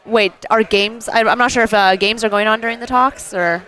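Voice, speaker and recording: A man's voice: sits high, steady tone, brisk, bright, forceful tone, a faint crowd. A man casually commentating an arcade tournament stream, loose and chatty, often laughing.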